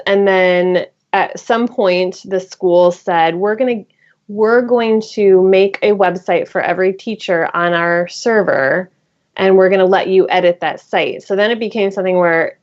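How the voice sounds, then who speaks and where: Chatty woman teacher, dull lo-fi sound. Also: fairly low pitch. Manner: thinks aloud with many fillers and restarts. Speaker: teacher and guest author. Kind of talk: casual podcast conversation. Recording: dull lo-fi recording.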